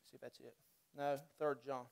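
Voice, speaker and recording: A male pastor preaching a sermon in a church, swinging from loud, fervent exhortation down to quiet, near-whispered intensity, with repeated calls to the congregation. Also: mid-range voice, little pitch movement, moderate pace, gravelly, clean tone. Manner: repetitive call-and-response exhortation. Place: church sanctuary.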